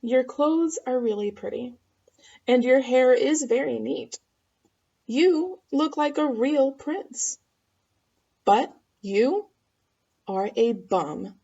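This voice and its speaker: A woman's voice: high voice, animated, slow pace, long pauses, mellow, husky, muffled recording, full character voice. A woman voicing a clever, bold young princess in a storybook, with exaggerated emphasis. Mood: blunt.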